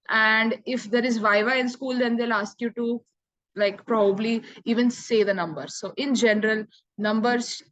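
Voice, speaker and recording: A woman's voice: a little high, dry recording, poor audio. Chatty Indian woman teaching French numbers. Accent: Indian English. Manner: chatty, encouraging, counts numbers aloud slowly. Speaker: French tutor. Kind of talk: online language lesson.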